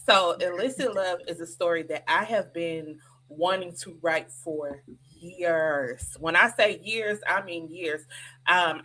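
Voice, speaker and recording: A woman's voice: lowish voice, poor audio. A woman in her thirties, an author chatting in an interview, telling stories with laughter and acted-out quotes. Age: 30s. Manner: animated storyteller, laughs often, acts out quotes. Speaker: author guest. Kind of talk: casual interview chat.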